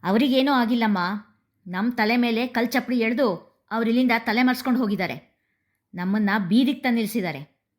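A woman's voice: on the high side, fairly quick, natural voice. A woman voicing a bitter, indignant young man in a story reading. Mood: angry. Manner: forceful, indignant.

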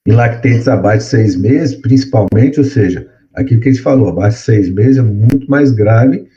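This medical lecture comes from a man with a mellow, lowish voice at a moderate pace, captured on lo-fi audio. He explains things to his students one step at a time, leans on repetition for emphasis, and keeps checking in with frequent tag questions.

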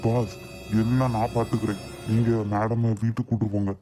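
A man's voice: medium pitch, little pitch movement, brisk, music in the background, close to an everyday voice. A man voicing a loyal young henchman in a cartoon drama, reporting to his boss in a matter-of-fact way. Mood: dutiful. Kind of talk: amateur cartoon voice acting.

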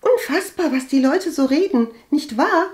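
A woman reading an audiobook and voicing a flustered, gossipy young cousin with a high, stammering, indignant voice. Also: animated, normal speed, darkish tone. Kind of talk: audiobook character voice.

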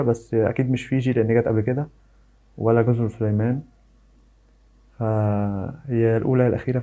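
An Egyptian man chatting casually as he works through a quiz. His voice is mellow and warm, and he thinks aloud, weighing his guesses and poking fun at himself when he misses. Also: medium pitch. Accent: Egyptian Arabic. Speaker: YouTuber. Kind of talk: casual commentary on a flag quiz.

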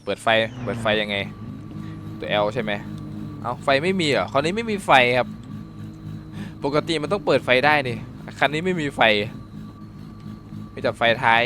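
A man giving casual, excited commentary on a car game, exclaiming often and imitating engine sounds. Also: medium pitch, moderate pace, pauses often, music in the background. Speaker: gameplay YouTuber.

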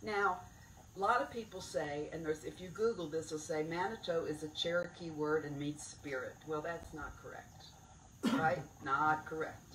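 A woman's voice: deep voice, normal speed, fairly bright tone, slight background noise. An older woman giving a chatty, digressive talk at a lectern mic outdoors, stressing key words as she goes. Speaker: cave director giving a talk. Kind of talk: informal public talk. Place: outdoor event under a tent near woods. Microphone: stand mic at a lectern. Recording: roomy outdoor sound from a distant camera.

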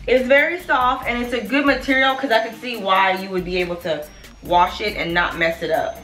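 A woman's voice: medium pitch, normal speed, soft background music. Chatty woman vlogger in an echoey room. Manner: chatty, animated, addresses viewers as y'all. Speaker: family vlogger. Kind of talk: casual product review. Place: small room in front of a plain wall.

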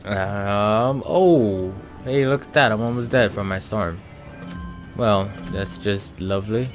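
A man's voice: on the low side, slow pace, soft background music. A man giving casual let's-play commentary as a gaming channel host, thinking aloud with many ums and sighs.

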